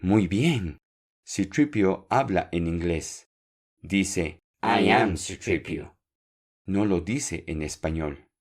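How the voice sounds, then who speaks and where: Man, podcast Spanish teacher, deep voice, unhurried, clear and encouraging with learners. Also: darkish tone. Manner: slow, clear, repeats words for learners. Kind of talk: podcast language lesson.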